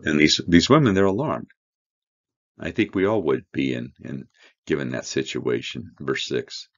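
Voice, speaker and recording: Very deep gravelly-voiced male Bible teacher. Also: muffled recording. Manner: reads scripture then explains it, slow earnest emphasis. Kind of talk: verse-by-verse Bible study.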